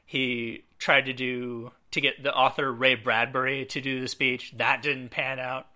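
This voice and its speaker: Bright-voiced man chatting about films. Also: medium pitch, measured pace. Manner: relaxed, lots of fillers, acts out quotes. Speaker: podcast co-host. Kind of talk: casual film discussion.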